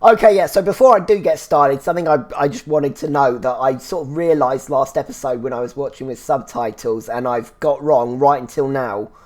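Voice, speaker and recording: Brisk and barely pausing, this man speaks in a mid-range voice. He's a solo podcast host casually reviewing a TV series, a little congested and phlegmy, chatting on and on with plenty of "so yeah" restarts.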